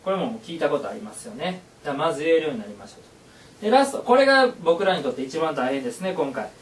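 A man's voice: fairly high pitch, very animated, rapid-fire, far from the mic. Upbeat man teaching in an echoey room. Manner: upbeat, encouraging, repeats phrases aloud. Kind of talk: classroom lesson.

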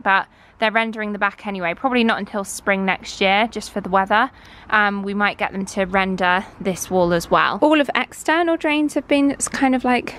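A woman's voice: medium pitch, a bit bright. Young woman, casual vlogger, rambling and chatty, handheld camera on a building site. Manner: chatty, rambling, lots of fillers. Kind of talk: casual renovation walkthrough. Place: indoor and outdoor building site. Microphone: handheld camera, filming herself off screen.

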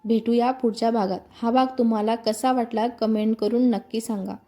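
A woman storyteller reads a scripted romantic tale in a steady, even way. Her voice sits high and sounds mellow and warm. Soft background music runs faintly beneath her. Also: normal speed.

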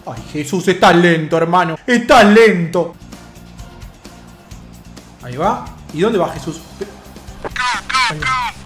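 Young man, Argentine accent, gaming commentary, exasperated and repetitive, lively swooping pitch, roomy echo, faint music behind. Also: moderate pace, long pauses. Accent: Argentine Spanish. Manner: exasperated, repeats his complaints. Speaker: gaming youtuber. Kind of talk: video game commentary.

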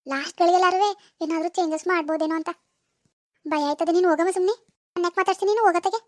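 A woman's voice: very high-pitched, fairly even intonation, very fast, dry recording, studio quality. Bangari, a frantic village schoolgirl. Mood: defensive. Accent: rural Karnataka Kannada. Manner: pleading, repetitive, dramatic. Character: anxious teenage village girl awaiting exam results. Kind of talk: cartoon voice acting.

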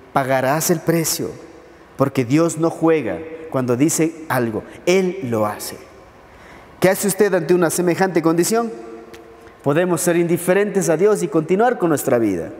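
A pastor with an Ecuadorian Spanish accent preaching a sermon, reading scripture and asking rhetorical questions. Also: male voice, on the high side, darkish tone, big-room sound. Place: church.

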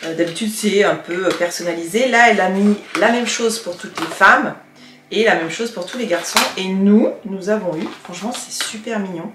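A woman's voice: mid-range voice, moderate pace, echoey room, noisy background. A woman vlogger chatting casually to camera as she shows off her gifts, gushing and full of fillers and restarts. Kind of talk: casual haul chat to camera.

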